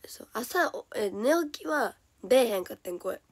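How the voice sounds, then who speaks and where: On a solo livestream, a young idol streamer with a Kansai Japanese accent chats casually, giggling and often sinking into soft whispers. Her voice is hoarse and lower than usual, expressive and at a moderate pace, with no echo.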